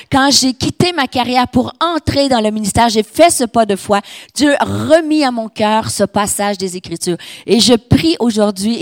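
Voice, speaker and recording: A middle-aged woman with a Québécois accent delivers a sermon in a slightly hoarse, high voice. She speaks straight to her congregation and draws them in. The sound is dry and close. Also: no room sound. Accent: Québécois French. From Quebec. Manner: animated, addressing the congregation directly. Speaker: guest preacher. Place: church hall.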